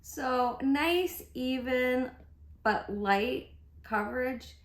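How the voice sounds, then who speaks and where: Speaking very slowly in a high register, this middle-aged woman sounds congested as she talks her way through a makeup tutorial. The beauty vlogger stays chatty and cheerful, musing out loud while she does her makeup, and her voice bounces around an echoey room.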